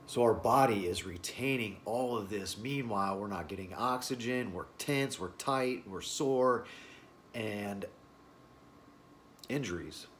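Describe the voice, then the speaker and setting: A man teaching a wellness class informally, explaining in short phrases with halting pauses. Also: fairly low pitch, slight background noise. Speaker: breathing and stress-relief class instructor.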